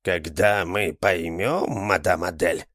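Playing an old male village fortune-teller, a man speaks in a drawling, sly, ominous way, stretching words out and letting out excited exclamations. The mid-range voice comes through as a dry, studio-quality recording.

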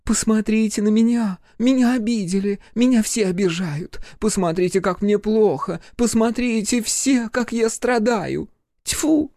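Scornful young girl, done by a man, high for him, mocking, shouting, dark dry tone, audiobook. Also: normal speed, no echo, lightly acted. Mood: furious. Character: fierce scornful young girl, bossy and contemptuous. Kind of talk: audiobook character voice.

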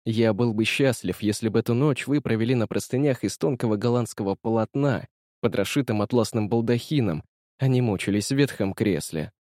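A man voicing a poor young nobleman, who speaks slowly, formally and courteously. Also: medium pitch, mellow, no echo, studio quality, close to an everyday voice.

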